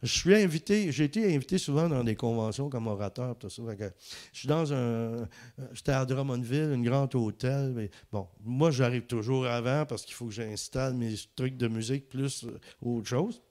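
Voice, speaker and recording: Quebec french preacher guy, lively storytelling, mid pitch voice, chuckles at his own jokes. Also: normal speed. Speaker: preacher and guest speaker. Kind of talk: anecdotal sermon.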